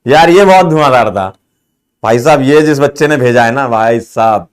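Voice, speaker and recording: A man's voice: mid-range voice, lively intonation, normal speed, clean tone. A male chemistry teacher wrapping up an online lecture, chatting casually and joking with his students, laughing often. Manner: playful, joking, laughs often, calls students 'beta' and 'bhai'.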